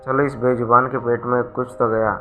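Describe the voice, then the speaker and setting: A man voicing a meek, kind young woman, the poor younger daughter-in-law in a storybook tale, speaking softly and humbly. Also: medium pitch, level tone, moderate pace, narrow, tinny audio, soft background music, lightly acted. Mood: gentle.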